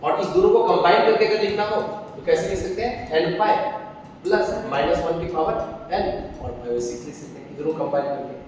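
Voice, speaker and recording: A man's voice: sits high, fairly quick, darkish tone. A man teaching a maths lesson, explaining step by step and answering his own questions. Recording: echoey room, far from the mic, faint noise.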